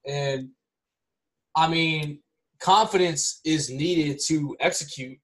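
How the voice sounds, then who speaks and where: A man's voice: a little high, slow pace. A man talking casually on a podcast, rambling with many restarts and often ending lines with "right?".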